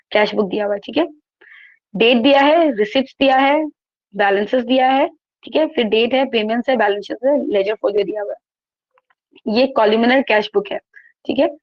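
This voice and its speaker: A woman's voice: on the high side, no echo, lo-fi sound. A woman teaching accountancy in an online class, reading from the textbook and explaining each point, asking and answering her own questions. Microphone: laptop microphone.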